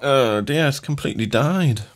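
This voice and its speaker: A man's voice: mid-range voice, moderate pace. A man co-hosting a podcast, talking in a chatty, explaining way over a video call. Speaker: podcast co-host. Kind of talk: casual chat.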